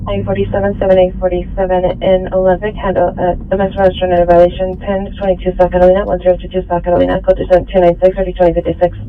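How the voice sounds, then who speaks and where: A man's voice: high-pitched, monotone, fast, few pauses. A man dispatching over police radio in clipped words, reading out codes and addresses. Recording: tinny scanner radio with static.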